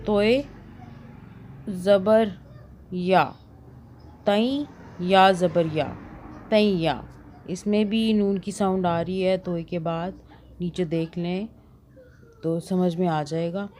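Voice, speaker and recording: Slow, patient woman teaching recitation. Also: lowish voice, steady tone, warm tone, a little hiss or hum. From Pakistan. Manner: patient, repeats syllables slowly to teach pronunciation. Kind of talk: slow patient spelling-out lesson.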